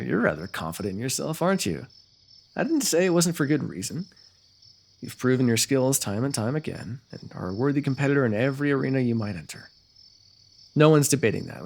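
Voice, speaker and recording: In an ASMR-style roleplay, a man plays a confident fantasy nobleman, once a rival and now an ally, who keeps goading the listener playfully. His exaggerated, mid-pitched voice is darkish with a gravelly creak, and his speech is formal and wordy. The mood is confident and measured.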